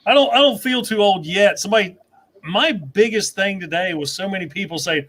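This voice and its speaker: A man's voice: high-pitched, brisk, a bit bright. A man in his forties hosting a casual livestream chat over a video call, thanking viewers by name as he talks. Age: 40s. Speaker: livestream host.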